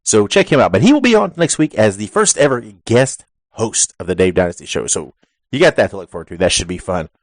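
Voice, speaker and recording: Low-voiced man hosting a podcast. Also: sing-song, fairly quick, dry recording. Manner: rambling, self-correcting. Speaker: podcast host. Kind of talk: show announcements and promo read. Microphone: headset.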